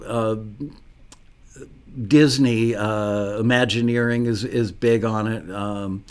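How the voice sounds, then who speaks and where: A man's voice: on the low side, fairly even intonation, slow pace, clear, resonant tone. A middle-aged American man casually hosting a live online show, unscripted and chatty, rambling into asides.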